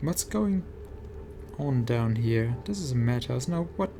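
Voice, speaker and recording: A man giving casual gameplay commentary as a streamer, halting as he thinks aloud. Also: medium pitch, animated, creaky, background noise. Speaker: game streamer. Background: game music.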